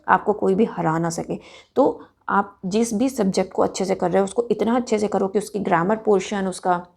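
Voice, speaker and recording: A woman teaching a Hindi grammar lesson for children, pronouncing each word slowly and deliberately. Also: mid-range voice, gravelly, warm tone. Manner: slow and deliberate, drawing out words.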